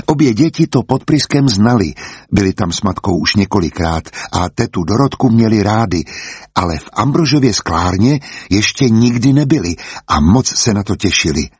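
A man reading an audiobook aloud in a calm, measured storytelling manner. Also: lowish voice, slightly rough, dry recording. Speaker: audiobook narrator. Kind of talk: scripted audiobook narration.

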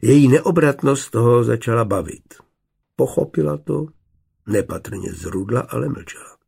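A man narrating a novel in a measured, even storytelling manner. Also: medium pitch, vocal fry, breathy edge. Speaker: audiobook narrator. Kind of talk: scripted narration.

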